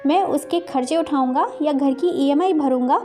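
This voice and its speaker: A woman plays a stubborn, hot-tempered husband in a moral storybook tale. The voice stays high and mellow. He argues bluntly and raises his voice. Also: moderate pace, faint music behind, natural voice. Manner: stubborn, shouting. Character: stubborn angry husband, middle-aged man.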